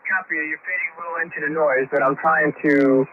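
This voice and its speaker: A man's voice comes through a ham radio transmission, pitched a little high and calling out call signs letter by letter in the phonetic alphabet. His delivery is steady and measured. The audio is muffled, with a faint hiss of static behind it. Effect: heard over a ham radio transmission.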